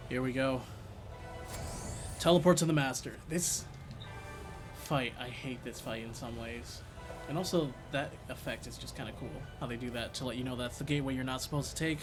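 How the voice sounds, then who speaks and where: A man's voice: medium pitch, moderate pace. Man casually commentating over game music. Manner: thinks aloud in short reactions. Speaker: game streamer. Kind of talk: casual live gameplay commentary. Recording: music behind the voice.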